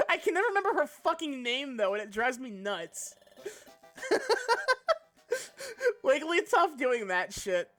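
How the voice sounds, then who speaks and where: Giggly, high-voiced woman streamer. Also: sing-song, measured pace, pauses often, fairly bright tone, faint music behind. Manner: giggly, swears freely, rambling. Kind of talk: casual live game-stream chat.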